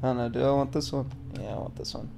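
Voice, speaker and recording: A man's voice: medium pitch, little pitch movement, racing, gravelly, mellow, slight background noise. A young man casually commenting on his game play with friends, joking and laughing often. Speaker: gamer playing a game for a recording.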